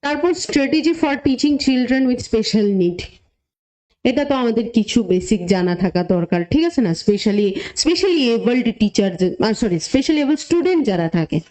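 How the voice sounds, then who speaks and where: A woman's voice: fairly high pitch, expressive, a little slow, dark tone. A woman teacher explaining a lesson step by step, often checking in with her students and mixing English terms into her speech. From Tripura, India. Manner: mixes English terms into Bengali. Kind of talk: classroom lesson.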